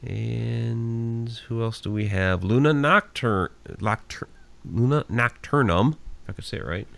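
A man's voice: medium pitch, measured pace, gravelly, fairly bright tone, no room sound. A man in his forties hosting a live radio show, casually thanking listeners by name and chatting easily. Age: 40s. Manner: reads out listener names with thanks, easygoing and chatty.

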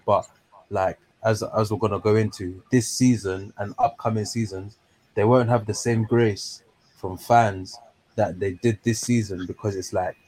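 A man's voice: lowish voice, a little mellow, low-quality recording. A man with a London accent hosting a casual discussion in a slangy, conversational way. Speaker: discussion host. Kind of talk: casual chat.

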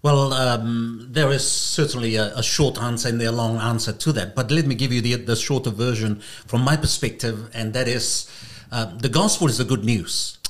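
A man answering interview questions as a podcast guest, in a measured, halting way with repeated words. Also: mid-range voice, fairly even intonation. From Mangere, South Auckland, of Niuean descent.

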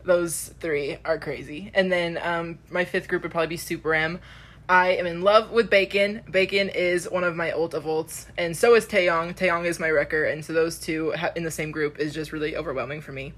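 A woman's voice: fairly low pitch, fairly even intonation, moderate pace, fairly bright tone. A young woman co-hosting a casual fan podcast, gushing and laughing as she talks. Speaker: podcast co-host. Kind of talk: casual chat.

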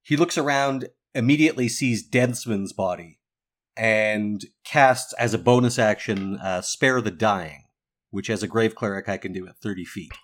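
A man's voice: lowish voice, moderate pace. A man playing a tabletop game, narrating his character's actions and checking the rules as he goes.

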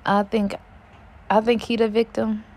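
Woman vlogger, casual rambling chat, slow delivery with a gravelly edge. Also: a little high, little pitch movement, a little mellow. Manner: rambling, musing aloud, self-correcting.

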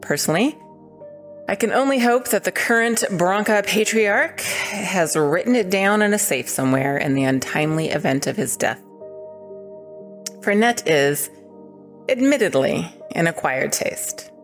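American lady reading her bit for a podcast, dry and wry, low voice, faint music underneath. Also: lively intonation, unhurried. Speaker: podcast contributor. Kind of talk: scripted comic segment.

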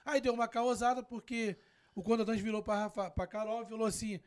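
Brief: high-pitched man, slangy and animated, tells a road-trip yarn. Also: fairly quick, smooth. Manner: animated, slangy, acts out quoted dialogue. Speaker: guest storyteller. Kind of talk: casual storytelling.

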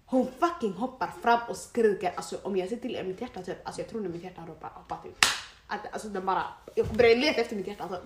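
A young woman co-hosting a casual chat, telling stories in an animated, slangy way and swearing often. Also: mid-range voice. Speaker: podcast co-host. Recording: echoey room with faint noise.

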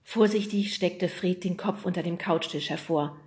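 A woman narrating a children's audiobook in a lively storytelling manner. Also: lowish voice, moderate pace. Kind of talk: scripted narration.

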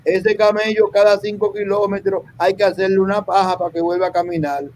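On a podcast, a comedian tells jokes as an animated storyteller, acting out the voices and quotes of the people in his stories. His voice is high and fairly quick, and the low-quality recording carries slight background noise.

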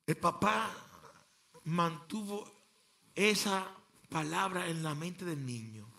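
A male pastor preaching an impassioned sermon, swinging between quiet passages and loud outbursts. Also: high-pitched, takes it slowly, vocal fry.

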